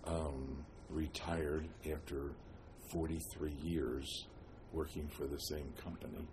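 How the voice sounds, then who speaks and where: An elderly man with an American accent looks back on his life in an oral history interview. His voice is extremely low and he speaks slowly, halting and searching between phrases as he reminisces. There is clear noise behind him. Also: little pitch movement. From New Jersey, United States. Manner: halting, with long pauses and frequent hesitations. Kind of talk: reminiscing, telling life story.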